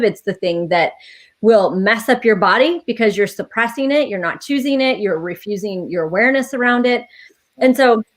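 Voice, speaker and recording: A woman facilitating a class, talking casually and reflectively on a live stream over a video call, laughing now and then. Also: a little high.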